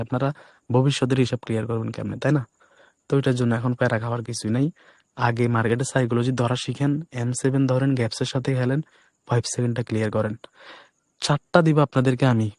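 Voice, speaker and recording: A man with a hoarse, breaking voice teaching a live online class, keeping his voice soft to spare it. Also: medium pitch, dry recording. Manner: speaks deliberately softly to spare his voice. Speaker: trading instructor.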